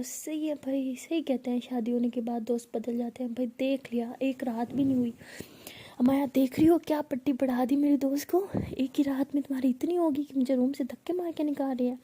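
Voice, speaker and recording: Woman playing nosy teasing best friend, high breathy voice, loud and mocking. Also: steady tone, fairly quick.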